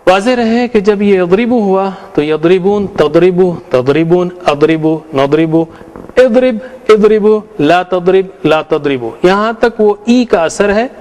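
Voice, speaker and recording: A man's voice: sits high, unhurried, hardly any pauses, a little mellow. A middle-aged man teaching Arabic grammar, patiently reciting verb forms and explaining each one. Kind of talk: explanatory lecture.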